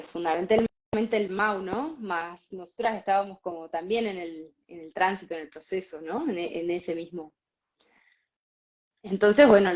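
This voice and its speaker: Animated woman telling a spiritual story. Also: on the low side. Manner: animated, laughs often, many fillers. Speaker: podcast co-host. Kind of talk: casual spiritual storytelling chat. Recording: slightly dull lo-fi sound.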